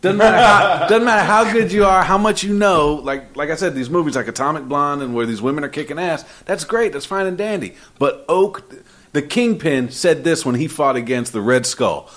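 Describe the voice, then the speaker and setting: A man in casual chat, joking and jumping in with quick remarks. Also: a little high, fairly bright tone.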